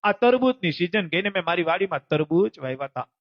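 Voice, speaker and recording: A man telling a devotional story as a sermon, acting out the characters as he goes. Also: no echo. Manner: animated, voices the characters in the story with quick pitch jumps. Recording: dull lo-fi recording.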